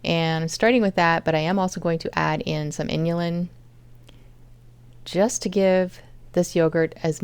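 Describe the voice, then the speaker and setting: A woman with a low, slightly gravelly voice chats through her home cooking project step by step. Her tone is smooth and resonant, recorded dry with no room sound. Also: a little mellow, no echo. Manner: chatty, explains each step. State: chronic fatigue. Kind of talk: casual cooking vlog narration.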